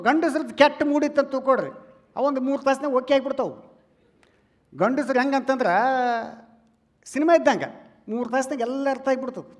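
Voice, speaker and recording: A man with a North Karnataka Kannada accent doing stand-up comedy on stage, chatting loudly with the crowd and calling them relatives. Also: extremely high pitch. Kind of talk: stand-up comedy before a live audience. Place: stage in a large hall. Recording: long hall reverb.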